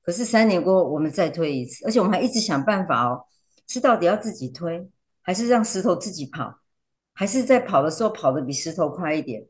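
A woman teacher, a podcast guest, chatting casually and telling animated stories. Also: fairly low pitch, quick pace. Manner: animated storyteller, acts out quotes.

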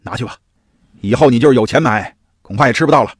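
A man's voice: mid-range voice, very fast, husky, no room sound, studio quality, natural voice. A man voicing a discouraged, exasperated street food seller in a told folk tale. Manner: weary, exasperated. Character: discouraged struggling roast-goose seller man.

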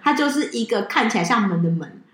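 A woman co-hosts a casual chat, telling a story at a brisk pace. She acts out the quoted dialogue with animation. The room around her sounds echoey. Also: a little high, lively intonation, a bit bright. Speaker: podcast co-host.

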